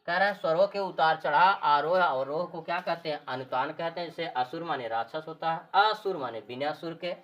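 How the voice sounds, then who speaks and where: A woman teaching a grammar lesson, repeating key terms and answering her own questions. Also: sits low. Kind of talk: classroom-style grammar lesson.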